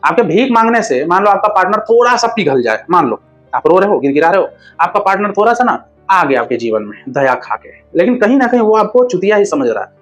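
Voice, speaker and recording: A man's voice: sits high, sing-song, fast, highs cut off, faint music behind. A man hosting a relationship advice talk, speaking bluntly and crudely, scolding viewers like a brother.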